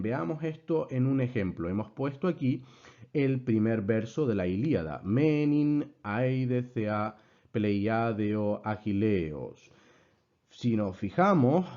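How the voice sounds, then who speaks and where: A man teaching a class, explaining things in a measured way and addressing his students formally. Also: mid-range voice, warm tone, highs cut off. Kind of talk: lecture with slides.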